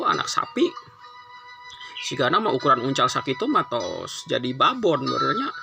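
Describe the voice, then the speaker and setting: A male storyteller with a Sundanese accent tells a folktale informally, chatty and conversational with frequent tag words. His fairly high voice has vocal fry, the highs are cut off, and loud music plays under him.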